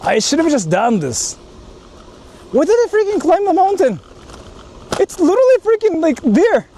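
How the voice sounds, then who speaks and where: An extremely high-pitched man with a dark tone and huge pitch swings talks at normal speed. He's a Japanese livestreamer vlogging casually while on the move through the countryside in search of haunted spots, addressing viewers, thinking aloud and swearing a lot, with noisy outdoor sound.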